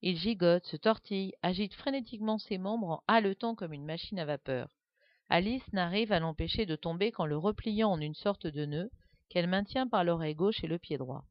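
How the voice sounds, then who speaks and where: A woman narrating a children's story with a lively, expressive reading, on a dull, dry recording. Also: lowish voice, moderate pace, no room sound.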